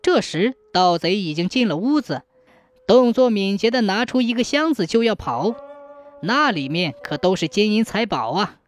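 A storyteller narrating a folk tale in a scripted, expressive manner. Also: medium pitch, normal speed.

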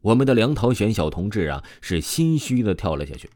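Animated, mellow-voiced male storyteller. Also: fairly low pitch, dry recording, clean studio sound. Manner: chatty, filler-laden telling with drawn-out particles. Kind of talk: casual ghost story narration.

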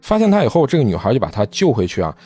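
A male podcast host walks listeners through a manga story in casual chat, dropping into quick character voices. His pitch moves a lot and his tone is a touch husky. Faint background music plays under the talk. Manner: animated retelling, briefly voicing characters in quotes.

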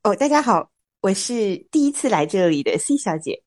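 A woman's voice: mid-range voice, big pitch swings, normal speed, darkish tone. A woman in casual banter as a guest on a group talk show. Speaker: first-time podcast guest.

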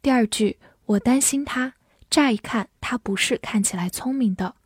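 A female English teacher reading vocabulary words slowly and deliberately, repeating each word before its part of speech and meaning. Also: a little high, slightly rough, no echo, studio quality. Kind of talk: vocabulary drill.

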